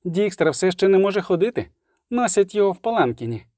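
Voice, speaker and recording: A man voicing an excitable, talkative man who rushes through grim news. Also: high-pitched, dry recording, studio quality, voice pushed up. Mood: agitated.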